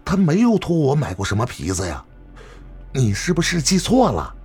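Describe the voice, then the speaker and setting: A man's voice: a little high, huge pitch swings, normal speed, a little mellow, breathy edge, faint music behind, voice pushed up, exaggerated voice. A man voicing an eager young shop assistant with a chatty, salesy manner.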